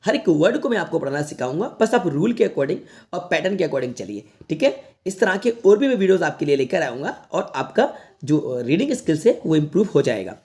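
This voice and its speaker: A man's voice: fairly high pitch, big pitch swings, a little mellow. Patient man teaching word by word. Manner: repeats each word slowly several times, coaxing; reassuring, addresses the viewers as children. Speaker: English teacher. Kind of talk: spoken online lesson to students.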